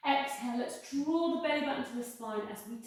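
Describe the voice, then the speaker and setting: A woman yoga instructor with a fairly high voice gives careful, unhurried guidance. Her manner is reassuring as she leads the class. The sound is heavily reverberant and somewhat distant. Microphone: worn mic near the face. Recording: very echoey room, distant-sounding.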